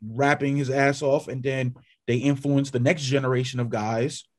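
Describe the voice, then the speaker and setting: A man's voice: medium pitch, normal speed. Rambling man on a podcast. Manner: rambling, many fillers and restarts, animated when listing names. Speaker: podcast co-host. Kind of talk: casual chat.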